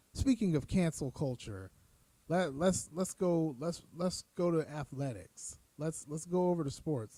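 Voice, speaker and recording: A man in the middle of an impassioned commentary rant, hammering his points home with repetition and blunt cursing. His voice sits a touch higher than most men's but sounds dark and mellow. The recording is dry and close, with no room sound. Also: no echo. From United States. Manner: heated, emphatic, repetitive, profane. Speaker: show host.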